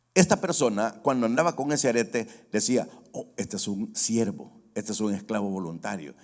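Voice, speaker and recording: A man with a Salvadoran accent preaching a sermon, telling stories and explaining terms step by step. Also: mid-range voice. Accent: Salvadoran Spanish. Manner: storytelling, acts out quoted voices, explains word by word. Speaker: pastor. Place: church sanctuary. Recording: long hall reverb.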